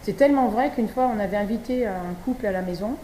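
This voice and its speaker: Speaking at a vegan conference, a woman from Brittany keeps things conversational, with frequent fillers and restarts. She has a mellow, mid-range voice and a quick pace. The recording carries room echo and faint background noise.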